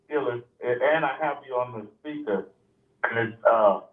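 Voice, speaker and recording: A man's voice: medium pitch, a little slow. A man calling in by phone, sounding far from the phone, giving brief, polite replies. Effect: phone call voice, far from the phone. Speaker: caller, a veteran. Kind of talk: casual chat. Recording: tinny phone line, echoey and distant.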